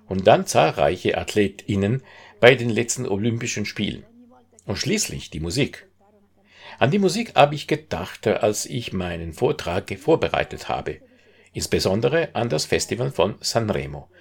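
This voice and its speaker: A man reading a translated interview as voice-over, calm and steady in his delivery. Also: on the low side. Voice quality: gravelly, husky.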